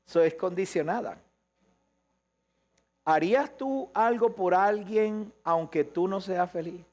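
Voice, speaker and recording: Casting: male pastor, high voice, live sermon, quick asides then slow emphasis. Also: a little mellow. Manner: questions the congregation, shifts between quick asides and slow emphasis.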